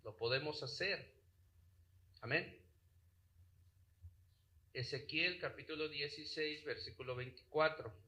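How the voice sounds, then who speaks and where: Bright-voiced man preaching a sermon. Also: fairly high pitch, a little slow, pauses often, low-quality recording. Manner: asks the congregation rhetorical questions.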